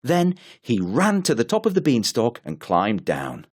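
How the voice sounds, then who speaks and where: A man narrating a fairy tale in an expressive, unhurried storybook reading. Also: medium pitch, slight background noise.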